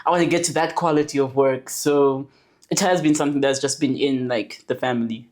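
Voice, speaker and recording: A woman in her twenties, born in Zambia and raised in South Africa, who is a guest on a podcast and tells her story in a relaxed, chatty way. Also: a bass voice, a little fast. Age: 20s. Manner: relaxed storytelling with fillers and restarts. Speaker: podcast guest, animation producer. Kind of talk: casual podcast interview.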